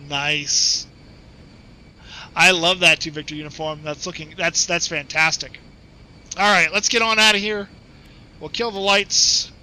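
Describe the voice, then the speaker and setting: A man casually commenting on his flight simulator session, chatting and laughing easily while reading back radio clearances. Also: fairly high pitch, steady tone, unhurried, pauses often, pushed and bright, rough recording. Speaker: flight sim streamer.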